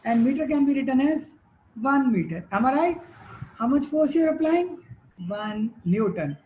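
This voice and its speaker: A woman's voice: high-pitched, expressive, normal speed, mellow, dull audio, slight background noise. A woman teacher giving a classroom lecture, quizzing students and repeating their answers.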